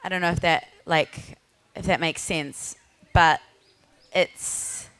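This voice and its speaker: A woman's voice: on the low side, steady tone, slow, fairly bright tone, smooth. A woman from New Zealand with a broad Kiwi accent, talking informally and reflectively as a panel guest, tentative and searching for words.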